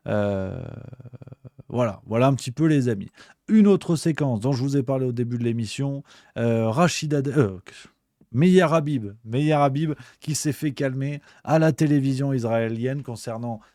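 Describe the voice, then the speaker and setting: A man's voice: mid-range voice, moderate pace, dark tone, no echo, clean studio sound. A man hosting a show, chatting loosely about the news with lots of fillers and restarts. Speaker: host. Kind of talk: casual news commentary.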